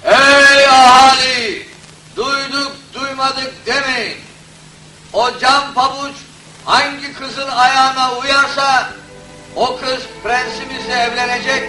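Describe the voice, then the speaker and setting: A town crier proclaims a royal decree in an old fairy-tale film. His voice is very high for a man, with formal, drawn-out calls over background music. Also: flat delivery, low-quality recording. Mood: proclaiming.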